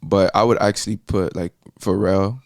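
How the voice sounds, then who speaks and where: Speaking at a moderate pace in a low, steady, slightly mellow voice, a young man from Miami discusses his music as a podcast guest. The casual interview chat wanders, thick with fillers and restarts, recorded in a clean studio without echo.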